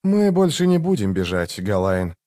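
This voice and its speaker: A man's voice: on the low side, very animated, normal speed, mellow. A man doing a cool, proud warrior lord. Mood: commanding. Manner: curt, commanding. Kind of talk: audiobook character voice.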